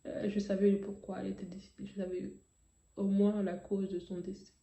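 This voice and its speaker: Woman, warm mellow voice, heartfelt hesitant testimony, roomy slightly dull recording. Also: medium pitch, little pitch movement, fairly quick, gravelly. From Africa. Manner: emotional, hesitant, many fillers and restarts. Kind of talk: personal testimony.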